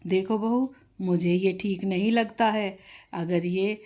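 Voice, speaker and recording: A woman's voice: mid-range voice, fairly even intonation, slow, darkish tone, voice pushed down, natural voice. A woman voicing a middle-aged mother-in-law who scolds protectively. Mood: doting. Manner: scolding, protective of her daughter.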